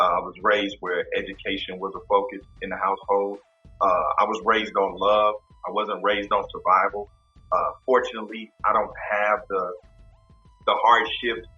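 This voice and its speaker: Bright-voiced man in his fifties, relaxed. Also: on the low side, lo-fi sound. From Kansas City, Missouri. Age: 50s. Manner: relaxed, reflective, repeats words as he thinks. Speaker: podcast host as guest. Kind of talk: casual interview talk.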